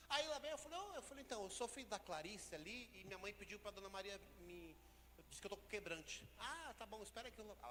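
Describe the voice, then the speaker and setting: A man preaching a sermon, telling a childhood story and then building to loud, sung preaching. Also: high voice. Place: church hall. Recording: hall reverb, faint background noise.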